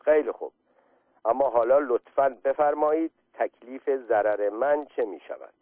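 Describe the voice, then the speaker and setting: A man's voice: mid-range voice, no room sound, close to an everyday voice. A man reading aloud and voicing Mirza, an irritable male shopkeeper who talks curtly and grumbles, over a phone-like line. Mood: grumbling. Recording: tinny phone-like line, dry.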